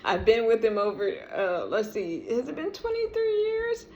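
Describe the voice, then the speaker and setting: A middle-aged woman vlogger telling a personal story in a casual, animated way, often laughing and praising. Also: on the high side, moderate pace. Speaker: vlogger sharing a testimony.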